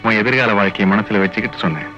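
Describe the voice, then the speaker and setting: A man playing a smooth scheming villain. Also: lowish voice, very fast, lightly acted. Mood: coaxing. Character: smooth-talking scheming male patron villain. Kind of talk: film dialogue. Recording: dull film soundtrack with music.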